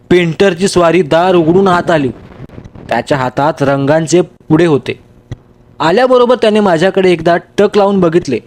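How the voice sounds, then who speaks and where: A man reading a story aloud in a steady, measured way. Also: fairly high pitch. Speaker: story reader. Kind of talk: storybook narration.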